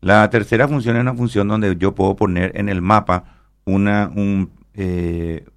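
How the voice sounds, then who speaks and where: Gravelly low-voiced man. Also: steady tone, unhurried. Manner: explanatory, rambling with fillers and tag questions. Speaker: guest. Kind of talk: explaining an app in a radio interview.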